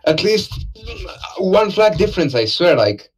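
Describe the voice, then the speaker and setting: A man's voice: a little high, very animated, a little slow, faint music behind, low-quality recording. A man casually commentating a live esports match, laid-back and joking, with lots of fillers.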